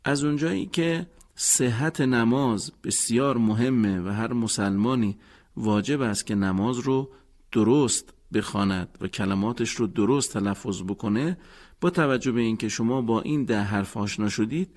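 A man explaining pronunciation in a calm, methodical lesson voice. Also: medium pitch. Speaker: teacher.

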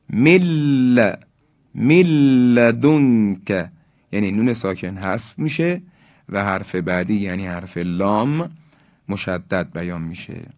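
A man teaching Quran recitation, explaining the rules in quick bursts and chanting each example slowly and drawn out. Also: medium pitch, no room sound. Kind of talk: recorded tajweed lesson.

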